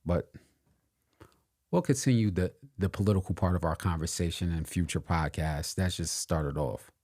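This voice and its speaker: Deep-voiced opinionated podcast co-host man. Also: normal speed, darkish tone. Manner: opinionated, emphatic, repeats points for weight. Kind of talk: casual political and hip hop chat.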